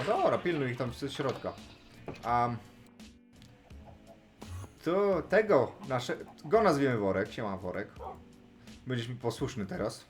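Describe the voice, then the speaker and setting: A man commentating his own Minecraft play in casual, chatty talk, chatting to the animals and now and then shouting with excitement. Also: medium pitch. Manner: chatty, talks to animals in game, bursts of excited yelling. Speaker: gaming YouTuber.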